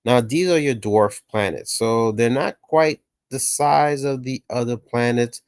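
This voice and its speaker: A man with a medium-pitched, slightly mellow voice, recorded without echo, narrates an explainer lesson. Speaking as a teacher, he casually walks through a science reference table, frequently checking in with "okay" and "right".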